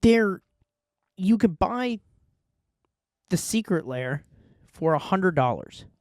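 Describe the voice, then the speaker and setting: A man's voice: sits high, animated, takes it slowly, a little mellow, no echo, studio quality. A man co-hosting a casual podcast, reading sponsor spots and laughing easily. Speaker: podcast co-host.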